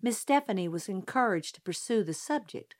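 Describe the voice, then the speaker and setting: A woman narrating a novel aloud in a calm, measured storytelling voice. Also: mid-range voice. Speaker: audiobook narrator. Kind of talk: scripted narration.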